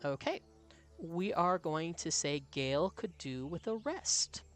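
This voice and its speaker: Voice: mid-range voice, very animated, slow pace, fairly bright tone. A chatty game streamer giving live commentary and reading the chat. The voice is easygoing and mid-range, with faint music underneath.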